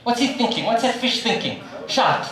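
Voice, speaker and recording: An older man with a South African accent giving a live motivational talk, firing questions at the audience in an animated way. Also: extremely high pitch, moderate pace, a crowd in the background. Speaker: motivational speaker. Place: large hall with a live audience. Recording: echoey hall, from a distance, audience audible.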